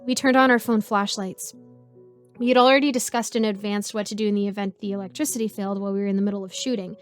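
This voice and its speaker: A woman narrating a first-person horror story in a measured, suspenseful way. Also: mid-range voice, steady tone, clean tone, soft background music.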